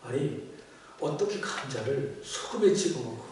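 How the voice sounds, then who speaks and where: A man voicing a hot-tempered husband who scolds his wife loudly. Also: medium pitch, animated, normal speed, slight background noise, close to an everyday voice. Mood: angry. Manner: shouting, scolding. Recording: echoey church from a distance.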